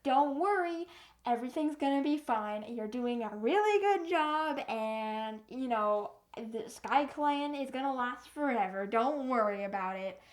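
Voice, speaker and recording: Girl doing a sugary fake-soothing cat spirit voice, pitched up and sing-song. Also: expressive, unhurried. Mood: mock-soothing. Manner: mocking, sing-song reassurance. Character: falsely reassuring cat spirit leaders, sugary.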